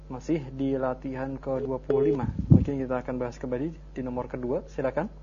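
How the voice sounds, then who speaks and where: A man's voice: mid-range voice, little pitch movement, fairly quick. A man moderating a call-in program, politely greeting callers and making announcements. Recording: dull broadcast audio with faint hum.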